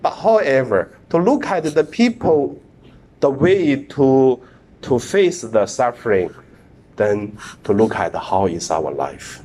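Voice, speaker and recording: A priest whose native language is Mandarin delivers a sermon haltingly, full of fillers and repeated words. His mid-range voice is animated and dark in tone.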